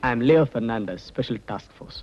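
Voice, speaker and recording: A man's voice: medium pitch, expressive, drawn-out words, darkish tone, slight background noise. An actor playing a bumbling man who poses as a pompous police officer, blustering and dropping English phrases into his speech. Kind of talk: film acting. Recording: dull lo-fi film audio.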